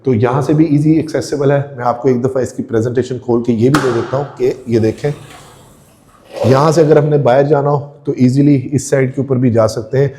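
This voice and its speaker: Speaking briskly in a steady, warm, mid-range voice, this Pakistani man narrates a walkthrough tour of an empty house. As a real estate host, he addresses viewers directly and describes every room eagerly.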